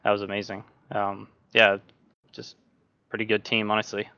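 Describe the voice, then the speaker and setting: A man's voice: lowish voice, smooth, dry recording, highs cut off. A young man from Norway, a sim racing driver, talking casually as a podcast guest with lots of fillers and restarts. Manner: relaxed, halting, many fillers and restarts.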